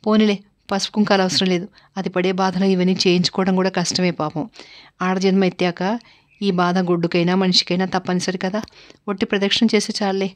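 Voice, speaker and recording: A woman voicing a bossy, pious older mother-in-law who gives brisk orders. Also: lowish voice, little pitch movement, close to an everyday voice. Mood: softened. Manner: commanding, brisk, giving orders.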